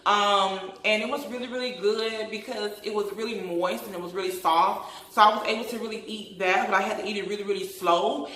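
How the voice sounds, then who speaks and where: A bright-voiced woman talks with braces, giving her speech a noticeable lisp. She chats casually in a rambling vlog style, recorded in a roomy, echoey space. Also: medium pitch, fairly even intonation, fairly quick, hardly any pauses. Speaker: vlogger. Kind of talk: casual chatty vlog to followers.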